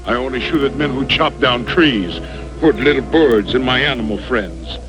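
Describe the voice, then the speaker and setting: An actor playing a reclusive wild man of the woods who speaks halting, broken English and guards the animals, heard on a 1950s TV broadcast soundtrack. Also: mid-range voice, expressive, over music, rough recording. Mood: earnest.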